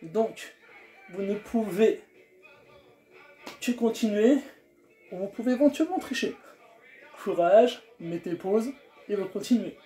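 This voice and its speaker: Slow encouraging male fitness coach. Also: sits high, warm tone. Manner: encouraging, counts down reps, coaxing. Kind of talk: guided home workout instruction. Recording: roomy with faint music.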